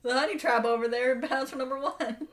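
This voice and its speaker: A woman's voice: high voice, steady tone, a little fast. A woman co-hosting a podcast, talking in a casual group-chat style. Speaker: podcast co-host.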